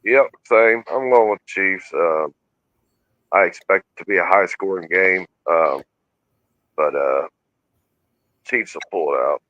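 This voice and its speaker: A man co-hosting a casual sports podcast, talking haltingly with lots of fillers and some swearing. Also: sits low, fairly bright tone, dry recording, highs cut off. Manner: hesitant with many fillers, swears. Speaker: podcast co-host.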